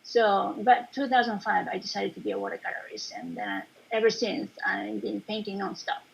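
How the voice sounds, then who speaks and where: Japanese-born woman, chatty, husky voice. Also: medium pitch, steady tone, moderate pace, dull audio. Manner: warm, chatty, frequent fillers and soft laughs. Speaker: watercolour painter presenting her work. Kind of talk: casual online presentation.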